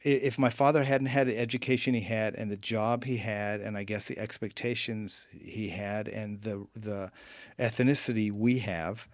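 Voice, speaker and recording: A man's voice: fairly low pitch, steady tone, normal speed, no echo. A man in a casual panel conversation who talks hesitantly, with many ums and stammered starts.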